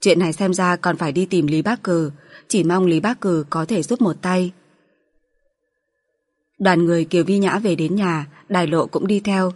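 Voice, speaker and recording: A woman narrates an audiobook in a steady, even manner. Her voice sits fairly low and has a husky grain.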